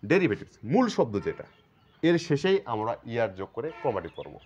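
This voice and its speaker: A Bangladeshi man teaches a grammar lesson, and his pitch rises and falls widely as he goes. He explains patiently, one step at a time, and repeats each term. The recording sounds dull and lo-fi. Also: huge pitch swings, a little mellow, slight background noise. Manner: explains step by step, repeats terms, stretches words slowly to show syllables.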